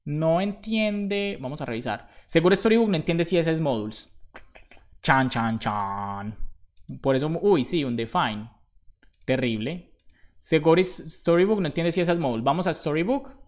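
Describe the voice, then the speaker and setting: A man, live-coding for viewers in a relaxed, chatty way, thinking aloud as he works and joking about his own slips. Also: fairly high pitch, a little fast. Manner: thinks aloud, talks to himself while typing. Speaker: programmer streaming live. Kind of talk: casual live-coding tutorial.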